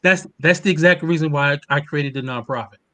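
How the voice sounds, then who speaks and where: Fifties male panelist, emphatic, slightly higher voice, keeps checking in. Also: brisk, bright, forceful tone. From Maryland. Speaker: panel guest, nonprofit founder. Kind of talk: panel discussion.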